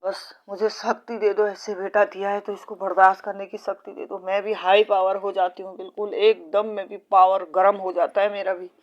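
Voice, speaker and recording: A middle-aged woman tells her story as a devotee at a satsang, pleading and distressed, circling back to the same words. Her pitch stays flat and narrow throughout. The recording is dull and lo-fi. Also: normal speed, hardly any pauses. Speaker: devotee giving a testimony. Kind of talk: personal testimony at a satsang.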